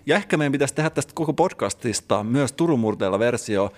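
A man's voice: mid-range voice, lively intonation. A man co-hosting a comedy podcast, riffing in a mock-serious, teacherly way. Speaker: podcast co-host. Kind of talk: casual comedic podcast chat.

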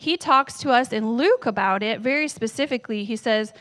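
A woman's voice: fairly high pitch, a little fast, fairly bright tone. A woman in her thirties preaching a sermon in a church on a handheld microphone, talking conversationally, telling family stories and asking the audience questions. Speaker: pastor.

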